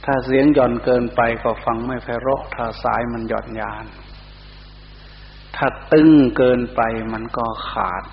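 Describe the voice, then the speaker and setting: Middle-aged Isan monk, slow, deliberate delivery, chant demos, reverberant hall. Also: male voice, mid-range voice, fairly even intonation. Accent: Isan (northeastern Thai). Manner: unhurried, breaks into Pali chanting to demonstrate. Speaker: Buddhist monk teaching chanting. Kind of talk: sermon with chanting demonstrations. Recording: dull lo-fi hall recording with faint hum.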